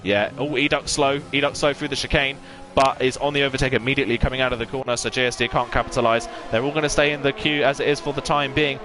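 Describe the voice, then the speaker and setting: A man's voice: mid-range voice, flat delivery, fast, music in the background. A man giving fluent, detailed live play-by-play commentary as an esports sim racing commentator.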